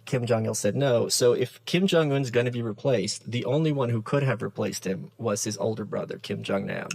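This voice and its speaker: A man from the Soviet Union, a podcast guest in casual conversation, telling stories in a lively way and acting out the quoted lines. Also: medium pitch, normal speed, vocal fry, no room sound, poor audio. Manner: animated storyteller who acts out quoted dialogue.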